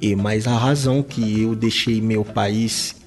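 A young man from DR Congo, telling his story as an interview guest with halting speech and many fillers. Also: lowish voice, steady tone, faint music behind. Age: young adult. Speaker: interview guest, visual artist. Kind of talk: casual interview answers.

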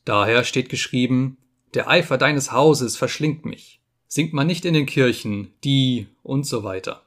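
A man's voice: mid-range voice, unhurried, a bit bright, natural voice. A man voicing a furious old friar who rants and quotes scripture, in an audiobook reading. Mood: enraged. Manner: ranting, quoting scripture.

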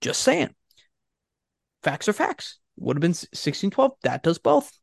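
A man on a sports podcast co-hosts with the exasperated energy of a disappointed fan. His voice swings widely between highs and lows as he argues his points. The sound is close and dry, with no room echo. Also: measured pace, creaky. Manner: animated, exasperated fan ranting. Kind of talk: casual sports chat.

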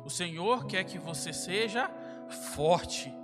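High-voiced preacher in a reverberant church. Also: male voice, animated, slow pace. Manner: casual, addresses listeners as "cara" and "irmão"; acts out dialogue in his stories. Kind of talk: sermon with personal stories. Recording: long hall reverb, loud music behind. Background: guitar music.

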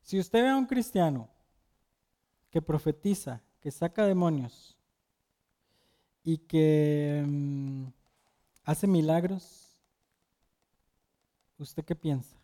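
Man preaching with a mellow, slightly high voice. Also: lively intonation, takes it slowly, long pauses. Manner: asks the audience questions and tells personal stories. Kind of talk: conversational sermon.

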